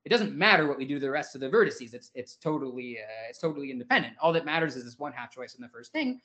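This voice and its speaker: A man giving an academic seminar talk, explaining ideas informally, with many "sort of" hedges and quick self-corrections. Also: medium pitch, very animated, pushed and bright. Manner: informal, hedging with "sort of" and restarts. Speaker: invited speaker.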